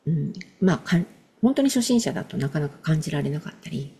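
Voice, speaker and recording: A middle-aged woman chatting casually as a guest, telling animated stories and acting out the voices of people she quotes. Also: low-pitched, quick pace, breathy edge. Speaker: guest, emotional wellness practitioner. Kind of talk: casual podcast conversation.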